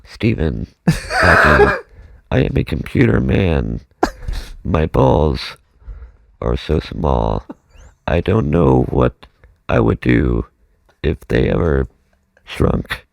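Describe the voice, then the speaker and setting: A droning robotic computer man. The voice sits extremely low and grinds with heavy gravel, crawling along word by word. The lines are goofy and crude, delivered like a machine. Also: sing-song, no echo, heavily acted. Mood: deadpan. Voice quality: very deep, gravelly and slow. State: has a cold. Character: deep robotic male computer voice made by inhaling. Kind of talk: casual podcast chat.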